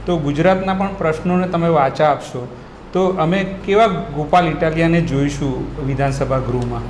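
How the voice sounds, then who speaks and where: A man poses a carefully framed, formal question in an interview. His voice is fairly high and sounds roomy and echoey, with faint noise underneath. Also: normal speed.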